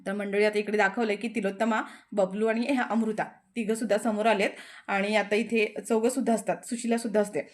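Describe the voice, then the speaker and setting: A woman's voice: mid-range voice, little pitch movement, a little fast. A young woman telling a TV serial's story as a chatty voice-over recap, talking to listeners like friends.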